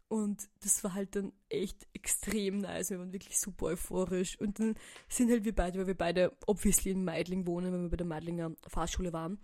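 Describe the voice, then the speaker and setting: A woman's voice: mid-range voice, no echo, studio quality. Chatty young woman storyteller. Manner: chatty, animated, heavy use of fillers and English slang. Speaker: podcast host. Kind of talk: casual storytelling monologue.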